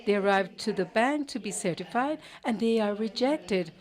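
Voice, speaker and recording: A woman interpreting a conference panel live, halting, with cut-off words and restarts. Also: medium pitch, expressive, crowd noise. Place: conference auditorium.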